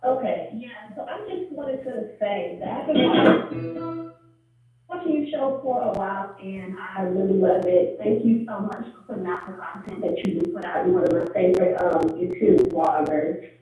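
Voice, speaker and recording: A woman caller, her voice muffled as if it came through a wall, reaches the show over a tinny phone line. She sounds distant, set in a heavy echo. She talks in a halting, hesitant way, full of pauses. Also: medium pitch, crowd noise. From Chicago. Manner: hesitant, many um's while telling a story. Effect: muffled, as if heard through a wall. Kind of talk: casual phone call. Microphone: wireless earbuds on a phone call.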